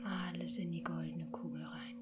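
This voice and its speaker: A woman hosting a podcast and gently guiding a children's sleep meditation in a soft, whispery voice. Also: low-pitched, little pitch movement. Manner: soft slow whispered guidance. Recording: meditation music and singing bowls behind.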